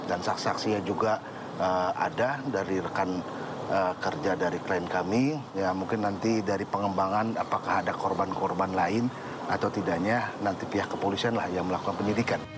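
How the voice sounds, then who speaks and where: Deep-voiced lawyer, halting speech. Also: male voice, steady tone, noisy background. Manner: halting, many "eh" fillers. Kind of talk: interview statement.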